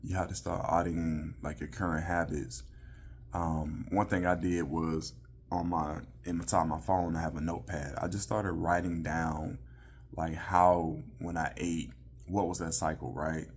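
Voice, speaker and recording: Deep-voiced man, casual motivational vlog. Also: little pitch movement, moderate pace, slightly rough. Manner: loose and conversational, full of fillers and "right?". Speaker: vlog host. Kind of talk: casual motivational talk to camera.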